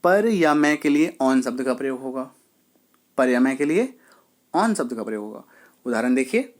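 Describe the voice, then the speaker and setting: A male English teacher giving a patient lesson, repeating examples, spelling words out and slowing down on English sentences. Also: mid-range voice, expressive. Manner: patient, repeats each example and checks understanding. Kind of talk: classroom-style lesson explaining words.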